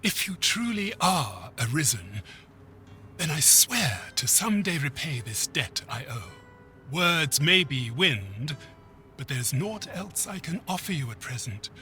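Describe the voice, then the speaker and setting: A man's voice: a little high, big pitch swings, measured pace, sharp tone, faint music behind, exaggerated voice. A man playing a bookish scholar in a fantasy video game, speaking in formal, archaic phrasing with grudging courtesy. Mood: grateful, earnest.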